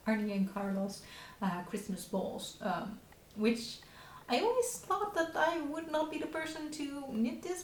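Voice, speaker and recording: Hosting a knitting podcast, a woman in her thirties from the Netherlands shows off her work in a casual chat, her mid-range voice carrying a Dutch accent in English, which isn't her first language. She's hesitant, full of fillers and restarts, and laughs softly now and then. A clear room echo and faint hiss sit in the recording.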